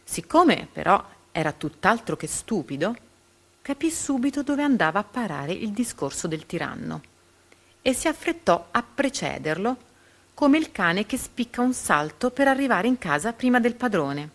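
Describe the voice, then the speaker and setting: A woman narrating a storybook in a measured, expressive reading. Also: mid-range voice.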